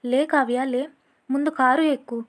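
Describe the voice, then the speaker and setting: Woman reading a sincere young guy, gentle, earnest, high voice. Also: steady tone, normal speed, lightly acted.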